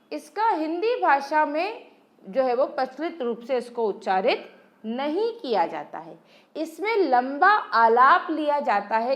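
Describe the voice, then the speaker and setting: Lively, high-voiced woman teacher. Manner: asks rhetorical questions and answers them herself; drawn-out, sung examples when calling out sounds. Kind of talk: exam-prep lesson.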